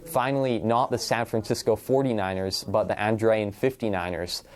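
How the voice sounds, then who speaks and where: A man's voice: lowish voice, fairly even intonation, normal speed. A male student presenter reading scripted background facts in an informative, explanatory way. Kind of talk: scripted narration.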